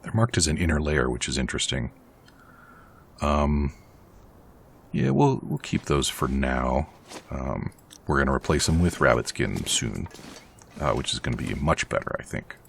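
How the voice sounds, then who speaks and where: A man with a very deep, gravelly voice chats his way through a survival game as host of his own let's play. He rambles and pokes fun at himself as he plays. A faint hiss sits under the recording. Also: lively intonation, normal speed, long pauses. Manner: chatty, rambling, self-deprecating. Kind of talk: casual game commentary.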